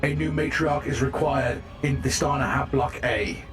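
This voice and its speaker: A man's voice: mid-range voice, moderate pace, over music, lightly acted. A man voicing a cold machine announcer with a metallic voice, as game master of a tabletop game. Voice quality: flat, metallic, mechanical delivery.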